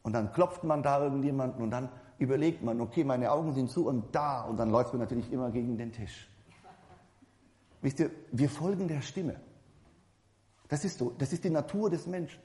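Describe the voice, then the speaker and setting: Male preacher, warm low-key timbre, loose and chatty sermon delivery, long church-hall reverb. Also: brisk. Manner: conversational, addresses the congregation directly, repeats and corrects himself.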